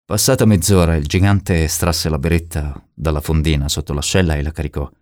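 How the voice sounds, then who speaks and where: A man with a very low, deep voice narrates a crime novel in a steady, measured reading. The sound is close and dry, with no room around it. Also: no echo. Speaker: audiobook narrator. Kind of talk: scripted narration.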